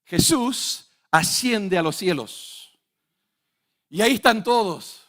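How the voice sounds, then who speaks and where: A young man with a high, light voice preaches a sermon. He talks emphatically and keeps throwing rhetorical questions at his listeners. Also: expressive, takes it slowly, fairly bright tone.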